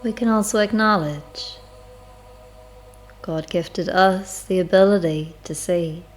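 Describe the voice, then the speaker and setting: With music playing behind her, a woman with a lowish voice guides a spiritual meditation. She talks very slowly and reflectively, leaving long, measured pauses between phrases.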